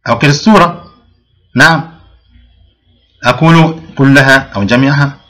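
A man's voice: medium pitch, bright, forceful tone. Guy teaching grammar to kids, keeps asking them stuff then answering himself, lots of restarts. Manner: explains step by step, asks pupils questions and answers them himself; frequent restarts and drawn-out fillers. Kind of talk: recorded classroom lesson.

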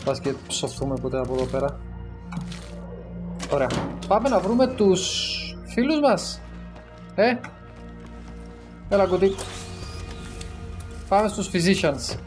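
A man's voice: high voice, lively intonation, long pauses. A man giving casual, joking gameplay commentary, swearing now and then and dropping in English game terms, with game music underneath. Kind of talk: casual Greek let's-play commentary.

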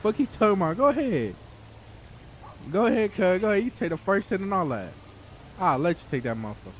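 Male streamer, high and hugely animated, slangy, profane street role-play banter. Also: brisk, a little hiss or hum. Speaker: gaming streamer playing a street character in online role-play.

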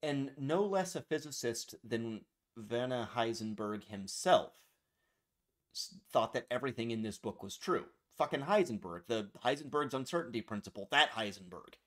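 Man, casual podcast co-host, rambling, self-mocking, crude jokes, mid-pitched voice. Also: lively intonation, normal speed. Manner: rambling, self-deprecating, profane humor. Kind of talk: casual chat about a book.

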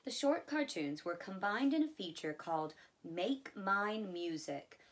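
A woman reads a biography aloud at an easy pace, now and then adding casual asides of her own. Her voice sits at a medium pitch. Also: unhurried, slight background noise. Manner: relaxed, with chatty asides. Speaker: audiobook reader.

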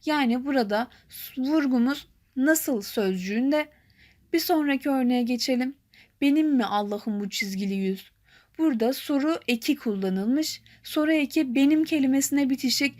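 A young woman with a high voice explains a grammar point in a measured, clear way. She reads her example lines slowly and patiently, like a teacher walking a class through them. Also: darkish tone.

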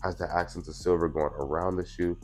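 Faint music drifts behind a young man in his twenties as he unboxes sneakers in a small room bathed in purple light. His low, slightly mellow voice barely moves in pitch and runs a little fast, with some allergy congestion coming through the clip-on mic. The vlogger is laid-back and chatty, often tossing in "you know what I'm saying."

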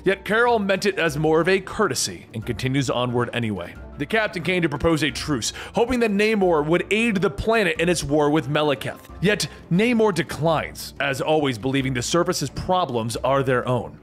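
Animated male story narrator, music behind. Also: on the high side, normal speed, few pauses. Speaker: comic-book story narrator. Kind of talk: dramatic scripted narration. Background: music bed.

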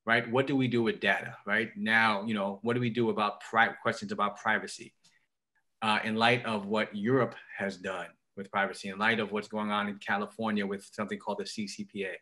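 A middle-aged man with a Queens accent gives remarks on a group video call. His voice is fairly low and forceful. He speaks haltingly, restarting phrases and posing rhetorical questions. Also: little pitch movement. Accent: New York, Queens. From Queens, New York. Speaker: state legislator, guest speaker. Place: indoor room at home, on a video call.

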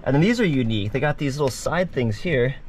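A man's voice: mid-range voice, animated, fast, darkish tone, slight background noise. Chatty man giving a casual tour. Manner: chatty and upbeat, talks straight to viewers. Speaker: vlog host giving a boat tour. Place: inside a sailboat cabin.

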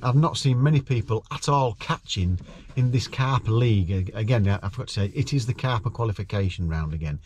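Chatty angler by a lake. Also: male voice, fairly low pitch, expressive, brisk, few pauses, darkish tone, a little hiss or hum. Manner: chatty, explains his fishing plans. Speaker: angler vlogger. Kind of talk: casual talk to camera. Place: outdoors beside a lake in winter.

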